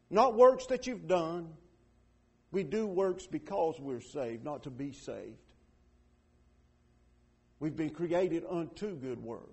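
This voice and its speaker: A middle-aged man preaching a sermon, swinging between loud emphatic declarations and quiet earnest appeals. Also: high-pitched, vocal fry, slightly rough.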